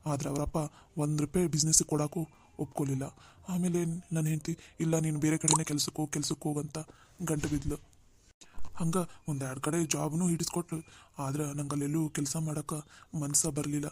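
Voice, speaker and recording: A man voicing a humbled, jobless older brother in a cartoon drama, speaking gently. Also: a little high, flat delivery, brisk, breathy edge. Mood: regretful. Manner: gentle, pleading, dialect-heavy.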